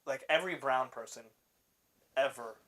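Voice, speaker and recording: A young Canadian man co-hosts a casual podcast chat, telling stories animatedly, acting out what people said and laughing often. His voice is medium-pitched at a moderate pace. A little hiss or hum sits under the recording.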